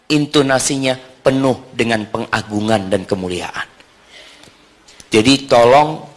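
A man preaching a sermon to a congregation, putting questions to his listeners and switching between brisk talk and slow, drawn-out emphasis. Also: mid-range voice. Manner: engages the audience with questions. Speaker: Islamic preacher.

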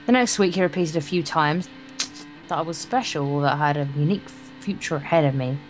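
A woman co-hosting a let's play reads visual novel narration aloud in a low voice, at a brisk pace, stumbling and correcting herself along the way. The game's guitar music plays behind her, and the recording quality is low.

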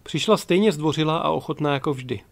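A man reading an audiobook in a steady, measured way. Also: a little high, creaky. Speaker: audiobook narrator. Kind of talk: audiobook narration.

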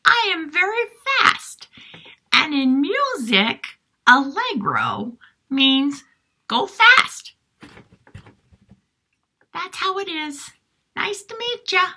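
Give me a woman doing a zippy, squeaky little music character. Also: sing-song, sharp tone, full character voice. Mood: cheery. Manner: bubbly, quick and high. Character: speedy cheerful music character. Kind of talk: puppet-style music lesson.

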